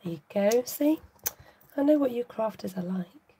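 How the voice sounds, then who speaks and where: A woman's voice: fairly high pitch, expressive, normal speed, mellow, slight background noise. A woman hosting a live craft tutorial, chatting casually to her viewers while she works.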